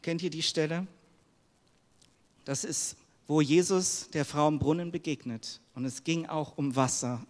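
A man's voice: fairly high pitch, fairly even intonation, a little slow. A middle-aged man preaching a sermon in earnest, personal tones, asking the congregation questions in a church hall. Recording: long hall reverb.

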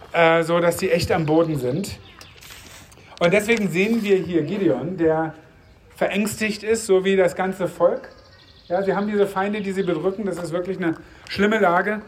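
A man reading a Bible passage and then preaching in a conversational way, putting questions to his audience. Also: high voice.

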